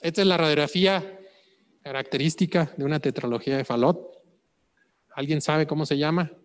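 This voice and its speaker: A man's voice: fairly high pitch, brisk, in a large hall. A man lecturing on clinical cases, asking rhetorical questions and checking in with "ok?". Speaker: medical exam prep lecturer.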